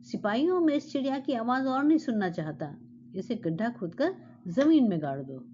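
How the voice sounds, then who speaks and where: A woman's voice: a little high, sing-song, normal speed, dull audio, slight background noise. A woman voicing a hot-tempered male king who barks orders at his soldiers. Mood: furious. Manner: raised shouted commands.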